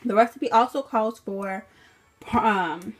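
In a slow, husky voice that's a little high, a cooking vlogger casually guides viewers through a recipe from her home kitchen. She goes step by step, thinking aloud and correcting herself as she cooks, with a camera on the counter recording her.

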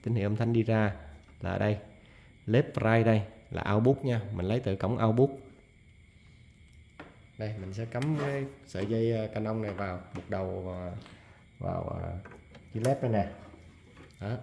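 A man walks through a hands-on tutorial in a relaxed, chatty way, filling pauses as he goes. His voice is mellow and dark, and the room around him is echoey. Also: fairly low pitch, vocal fry, slight background noise. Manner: chatty, many fillers and "nha" tags, explains step by step. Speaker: audio equipment technician.

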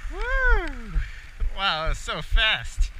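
A man teaching a small child to ski, gently repeating praise and simple instructions, filmed on a chest camera outdoors. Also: high voice, wildly swooping pitch, drawn-out words, noisy background. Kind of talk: encouraging coaching while skiing. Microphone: action camera on the chest.

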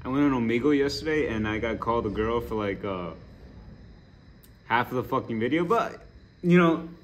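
A man's voice: mid-range voice, animated, moderate pace, a little hiss or hum. A young man hosting a reaction video, talking casually with lots of swearing and jokes, getting worked up. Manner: profane, joking, riled up.

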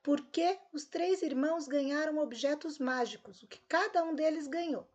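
Going through homework answers, a woman teacher speaks to her pupils at a normal speed in a high-pitched voice. Her accent is Brazilian Portuguese, and the recorded lesson feels upbeat as she talks to the children directly and animatedly.

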